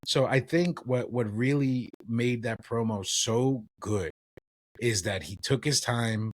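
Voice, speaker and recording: A man's voice: mid-range voice, slow, no room sound. A man co-hosting a wrestling podcast in a casual, conversational, slangy way. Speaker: podcast co-host.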